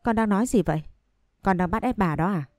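A woman's voice: medium pitch, fairly quick, a little mellow, no echo, clean studio sound, natural voice. A woman voicing a frail old grandmother. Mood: stern. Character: frail elderly grandmother, weak and frightened.

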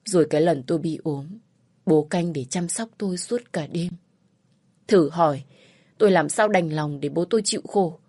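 A woman narrating a first-person story in a slow, sorrowful read. Her voice is low, dark and husky, recorded dry and close, with faint music underneath. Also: no echo.

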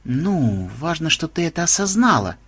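A man's voice: fairly high pitch, very animated, moderate pace, a bit bright, breathy edge, no room sound, heavily acted. A man voicing a cunning, bossy young woman rogue in a storybook, speaking curtly and wryly. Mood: sour, preachy. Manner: curt, commanding, wry.

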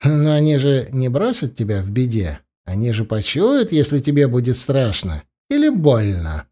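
A man playing a cunning, menacing young ruler who talks with mocking gentleness. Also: mid-range voice, sing-song, moderate pace. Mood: falsely gentle. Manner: coaxing, mockingly gentle, threatening.

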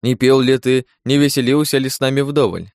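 A man's voice: mid-range voice, fairly even intonation, brisk, a little mellow, dry recording, clean studio sound, pitched above the performer's own voice, lightly acted. A man voicing a sly, mocking demon disguised as a clerk, jeering and coaxing in an audiobook. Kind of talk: audiobook character voice.

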